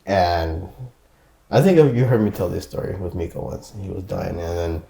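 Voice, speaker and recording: A man's voice: deep voice, moderate pace, gravelly, mellow. A man guest on a podcast, telling a story in casual slangy chat and laughing along. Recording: echoey room.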